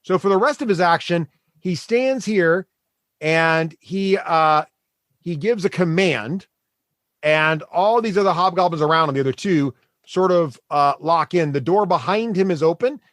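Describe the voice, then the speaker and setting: A man running a tabletop game, narrating casually and haltingly as he thinks aloud as game master. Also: a little high, a bit bright, no room sound, studio quality.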